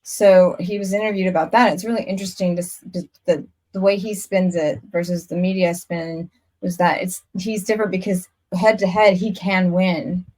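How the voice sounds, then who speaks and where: A woman's voice: fairly low pitch, fairly even intonation, moderate pace, a little mellow. A woman hosting a casual podcast conversation, talking earnestly in long rambling stretches with frequent restarts. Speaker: podcast host. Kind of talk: casual chat.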